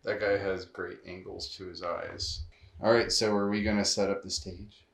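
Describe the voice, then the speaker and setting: A woman's voice: very deep voice, flat delivery, normal speed, gravelly. A woman chatting casually and encouragingly during a craft activity. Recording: roomy, distant mic, faint noise.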